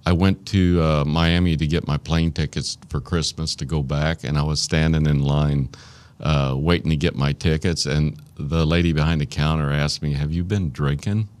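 Deep-voiced Arkansas man, folksy. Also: flat delivery, darkish tone, clear, resonant tone. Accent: Arkansas Southern. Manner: folksy, plain-spoken, halting. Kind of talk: casual reminiscing interview.

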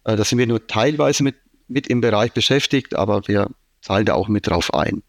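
In a casual business interview, a Franconian IT manager with a matching German accent explains at length, using lots of fillers. He speaks briskly in a fairly low, creaky voice, recorded cleanly in a studio without echo.

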